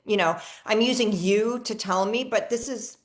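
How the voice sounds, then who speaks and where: A woman's voice: mid-range voice, normal speed. A woman leading a live online energy healing session on a video call. She talks in a chatty, enthusiastic way and often repeats and restarts her words. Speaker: energy healer.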